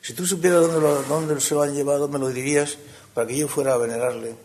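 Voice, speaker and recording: A man's voice: on the high side, fairly even intonation, fast talker, a little mellow, a little hiss or hum, natural voice. A man from voicing a grieving woman disciple who earnestly pleads to know where her teacher was taken. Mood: pleading.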